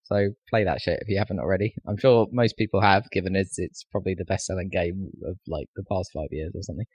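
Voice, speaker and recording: A man co-hosting a gaming podcast, trading wry, quick banter. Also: sits low, fairly even intonation, a little mellow, husky. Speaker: podcast co-host. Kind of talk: casual chat about video games.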